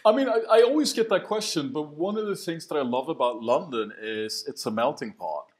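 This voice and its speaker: A Swedish podcast guest reflects thoughtfully in a conversational interview, speaking with a mid-Atlantic accent tinged with Swedish and often repeating his first words. His voice is a little high, expressive, fairly quick and darkish.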